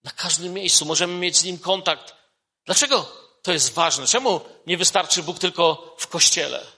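A man preaching a sermon, lifting his voice when he quotes scripture and dropping low and soft on key points. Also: normal speed, husky. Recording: long hall reverb.

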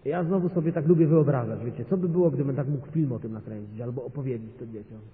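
A man preaching a sermon as a guest pastor, speaking with passion and building to loud, emphatic peaks. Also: medium pitch, fast talker, a crowd in the background. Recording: tinny phone-like sound in a reverberant hall.

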